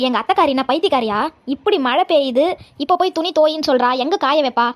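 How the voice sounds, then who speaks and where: Woman playing a sharp-tongued young daughter-in-law. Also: sits high, expressive, fast, no echo. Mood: grumbling. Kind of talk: comedy skit acting.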